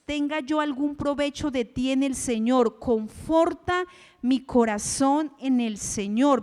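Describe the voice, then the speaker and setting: A woman in her thirties or forties preaching a sermon in a church, reading scripture slowly and asking her listeners questions. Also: high voice, big-room sound. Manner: slow, emphatic Bible reading with rhetorical questions.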